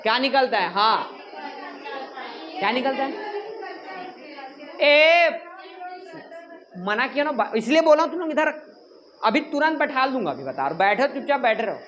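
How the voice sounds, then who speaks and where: Joking classroom teacher. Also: male voice, extremely high pitch, a little fast, crowd noise, background noise. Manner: joking, animated, scolds students. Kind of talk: classroom lecture.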